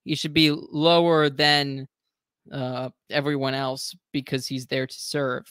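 Man, slightly high, smooth voice, hesitant, agreeable, dry sound. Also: level tone, takes it slowly, fairly bright tone, no echo. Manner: agreeable, hesitant, many fillers. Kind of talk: casual political discussion.

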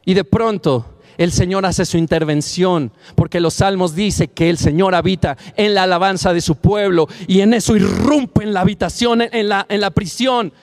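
High-voiced, fervent male preacher. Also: fairly even intonation, normal speed, few pauses. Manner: passionate, rising to near-shouts on key phrases; speaks directly to the listener. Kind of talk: sermon.

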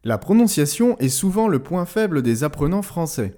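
Male podcast host, scripted teaching read, slightly high voice, soft music bed. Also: big pitch swings. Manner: clear, didactic, slows down to model pronunciations. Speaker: language-learning podcast host. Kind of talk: scripted educational narration.

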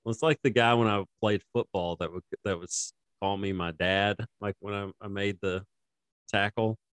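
A man's voice: on the low side, fairly even intonation, normal speed, a bit bright, clean tone, no echo. A man co-hosting a casual sports podcast, rambling and laughing often as he talks. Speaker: podcast co-host.

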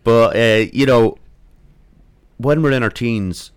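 A man's voice: medium pitch, slow, clean tone, no echo. Irish man hosting, close dry sound. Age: late 30s. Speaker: podcast host. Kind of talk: casual interview.

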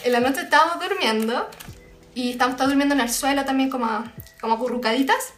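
A young Chilean woman in casual chat, telling a scary story in lively slang and acting out the screams and voices of the people in it. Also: high-pitched, fast talker, roomy sound. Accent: Chilean Spanish.

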